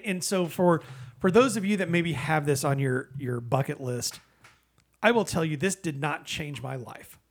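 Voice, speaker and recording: A man who co-hosts a podcast, giving a casual, rambling and halting review in a conversational style. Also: fairly high pitch. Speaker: podcast co-host, beer reviewer. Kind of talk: casual beer review chat.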